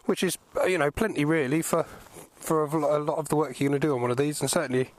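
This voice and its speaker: A man's voice: on the high side, fairly even intonation, quick pace. A man speaking from inside a motorcycle helmet, giving a casual spoken review as he rides outdoors, with wind and road noise around the mic. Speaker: vlogger test-riding a motorcycle.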